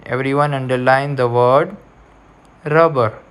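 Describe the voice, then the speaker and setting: Slow, deliberate male teacher. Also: mid-range voice, steady tone, a bit bright, smooth. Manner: slow, deliberate dictation with repeated instructions. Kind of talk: slow classroom reading lesson.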